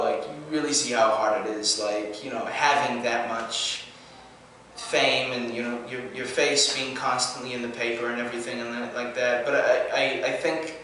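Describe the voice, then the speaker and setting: A man's voice: medium pitch, sharp tone, slight background noise. A young man from New Zealand with a mostly American accent and a trace of his home accent, talking earnestly in a casual interview, restarting his sentences often. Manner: restless and earnest, many restarts and fillers. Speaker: actor being interviewed. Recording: echoey room from far off.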